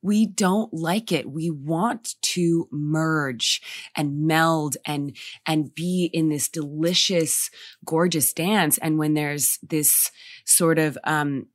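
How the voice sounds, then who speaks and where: A woman's voice: sits low, takes it slowly, no echo. A woman guest in a casual spiritual conversation, reflective and emphatic, often repeating her phrases. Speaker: podcast guest.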